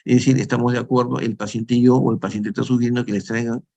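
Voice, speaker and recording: Gravelly-voiced older man lecturing. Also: medium pitch, level tone, quick pace, warm tone, highs cut off. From Peru. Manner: conversational, frequent tag questions, restarts. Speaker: dental lecturer. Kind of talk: lecture with slides.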